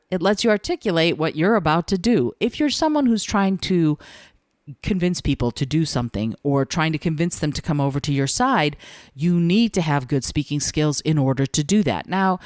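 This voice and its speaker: A woman with a low speaking voice, hosting a solo podcast as a communication coach, talking in a measured, deliberate way with thoughtful pauses. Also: a little mellow, no echo, clean studio sound.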